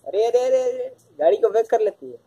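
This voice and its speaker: A man's voice: high-pitched, lively intonation, quick pace, dark tone, husky, lo-fi sound. A man with a Chhattisgarhi Hindi accent playing at home with his small daughter, teasing her in a casual, playful way. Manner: teasing, with mock cries of pain. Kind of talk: casual playful talk with a toddler.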